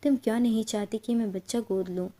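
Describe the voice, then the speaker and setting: A woman's voice: a little high, steady tone, a little fast, warm tone, natural voice. A woman voicing a young husband in a spoken story who longs for a child. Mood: tearful.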